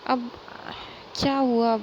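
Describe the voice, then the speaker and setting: A woman's voice: fairly high pitch, little pitch movement, slow pace, a little mellow, dull audio, a little hiss or hum. A woman voicing a caring young woman who keeps pressing her crying friend for answers in a Hindi story retelling. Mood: insistent. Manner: insistent, questioning.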